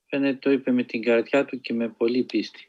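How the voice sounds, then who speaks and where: A man's voice: mid-range voice, level tone. Earnest male preacher, dull recording. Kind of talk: sermon-style spiritual storytelling.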